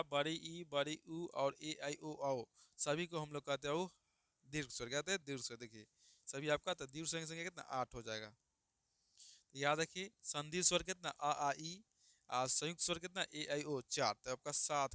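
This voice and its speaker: A man's voice: a little high, moderate pace, sharp tone, clear, resonant tone, no echo, studio quality. A man teaching grammar online, repeating each question and answer and calling students "babu.". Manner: calls listeners "babu" affectionately. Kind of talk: online exam-prep lesson.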